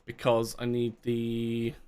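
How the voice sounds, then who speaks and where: A man's voice: mid-range voice, completely flat delivery, slow, a little mellow, clear, resonant tone. A man chatting casually on a live game stream, rambling, self-mocking and laughing often. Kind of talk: casual live-stream chat while gaming.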